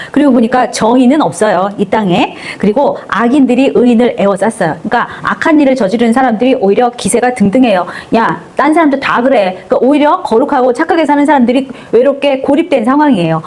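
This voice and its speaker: Woman preacher, somewhat high voice, chatty Bible teaching at a church service with lively quoted asides. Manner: conversational, acts out quoted speakers with rhetorical questions.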